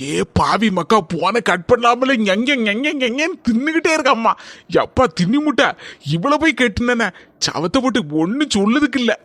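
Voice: medium pitch, animated, normal speed, a bit bright, no room sound. A voice actor playing a harried village husband in a cartoon comedy, urgent and nagging. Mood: exasperated.

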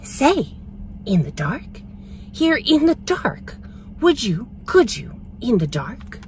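A persistent storybook pest coaxes in sing-song rhymed questions, as read out by a woman. His pitch bounces around a great deal, and light vehicle cabin noise is audible. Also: big pitch swings, slow pace, darkish tone. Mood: eager coaxing. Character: persistent, coaxing male food pusher in a storybook. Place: inside a parked vehicle.

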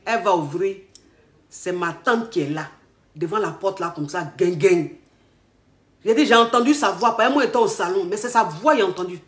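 A woman telling her life story in casual, animated speech, quoting the people she met. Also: medium pitch, fairly quick. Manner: animated retelling with acted quotes. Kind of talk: personal storytelling. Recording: echoey room.

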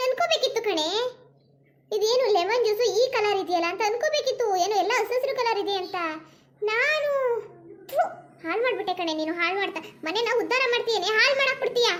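A shrill older mother-in-law, as a woman puts her on for a cartoon, nagging and wailing in a Kannada accent. Her voice sits very high and carries loudly. She rattles along quickly. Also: animated, slight background noise. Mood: scolding. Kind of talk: cartoon voice acting.

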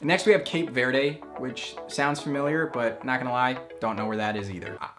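A young man hosting a casual vlog, jokey and quick to swing from loud excitement to mumbled asides. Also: medium pitch, soft background music. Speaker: vlogger host.

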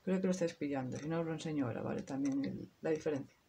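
A beauty vlogger in her thirties with a Spanish accent from Spain walks her viewers through a makeup tutorial, chatting casually and occasionally swearing. Her voice is low and mellow and she talks very fast, with slight background noise.

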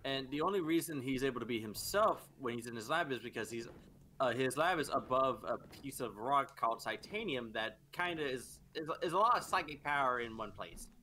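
A man's voice: mid-range voice, animated, brisk, bright, forceful tone. A man co-commenting on a video game, explaining the story hesitantly with ums and uhs. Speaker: let's play co-commentator. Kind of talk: casual gameplay chat.

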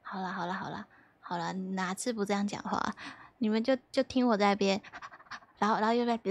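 A woman's voice: mid-range voice, moderate pace, dry recording. A young woman livestreamer chatting casually and playfully with her viewers, giggling often and reading their messages aloud from a desk mic at home.

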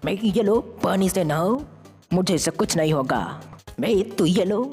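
A woman's voice: fairly low pitch, animated, measured pace, darkish tone. A woman voicing an eager young alien-changing hero. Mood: determined. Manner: eager, earnest, talks to himself while acting. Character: brave young male hero who turns into aliens. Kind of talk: fan-made game story dub. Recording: reverberant with faint music.

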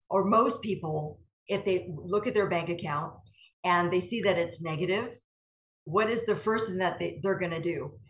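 A woman's voice: fairly low pitch, fairly bright tone, slight background noise. A woman answering interview questions in an earnest way, often repeating words as she searches for them. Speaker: guest entrepreneur. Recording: echoey room heard from a distance.

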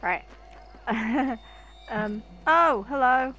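A young woman giving excitable, casual gameplay commentary, full of swearing and jumpy yelps. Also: on the high side, very slow, slight background noise. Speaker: gaming channel host.

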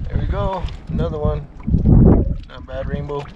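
A man with a fairly high voice chats casually to his viewers as he fishes from a small boat out on a lake. Loud wind pounds the mic of a mounted action camera, and the sound is dull and lo-fi. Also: moderate pace. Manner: relaxed, talks to viewers between casts. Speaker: fishing vlogger. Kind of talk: casual commentary while fishing. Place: outdoors on a lake in a kick boat, windy. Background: wind and water.

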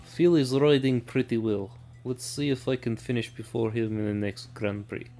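A cocky Russian motocross racer, as a man puts him on, with a thick mock Russian accent. The voice sits a touch higher and louder and sounds set back from the mic. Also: steady tone, moderate pace, faint music behind, lightly acted. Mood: smug.

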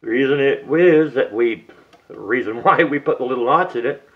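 A man narrates a casual how-to as he builds an antenna at a table in his home, talking to himself and the radio along the way. He speaks at normal speed in a mid-range voice, and the audio sounds like it came through a phone.

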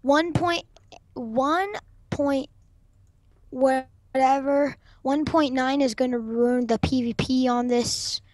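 A woman hosting a gaming video, excitable and swearing constantly as she plays and trash-talks opponents on a voice call. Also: high voice, slow pace, no room sound. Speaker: gaming channel host. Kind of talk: casual gameplay commentary.

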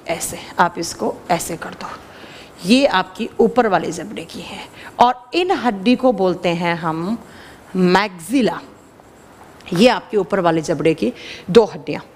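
A woman teacher giving an animated classroom lecture, quizzing her students and answering her own questions. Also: mid-range voice, big-room sound. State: dry throat.

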